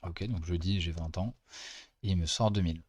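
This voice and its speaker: A teaching assistant talks through programming exercises in a relaxed, chatty way, pausing often as he thinks. His voice sits very low. The sound is dry and close, with no room echo. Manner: casual, chatty explaining with frequent pauses. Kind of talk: screen-recorded coding lesson.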